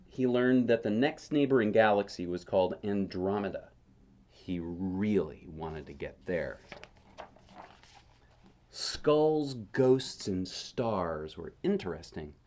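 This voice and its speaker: Reading a picture book aloud the way a dad would at bedtime, a man with a low, slightly mellow voice delivers the story expressively and adds casual, wondering asides.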